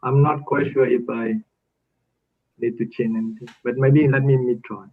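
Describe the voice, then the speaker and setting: A man giving an online conference talk in a halting, hesitant way, his voice muffled as if heard through a wall from a laptop mic. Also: mid-range voice, steady tone, breathy edge, recorded from a distance. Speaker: invited conference speaker. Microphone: laptop mic on a video call.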